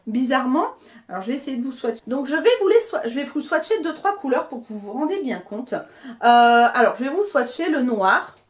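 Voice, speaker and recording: A young female beauty vlogger chats casually through a haul, showing and reviewing products with lots of fillers and restarts. Her voice sits high, with lively intonation and a slightly fast pace.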